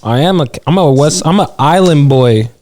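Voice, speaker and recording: A man's voice: a little high, lively intonation, normal speed, darkish tone, a little hiss or hum. A man from Las Vegas, co-hosting a podcast and telling a story in an easygoing, laid-back way. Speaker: podcast co-host. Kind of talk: casual storytelling.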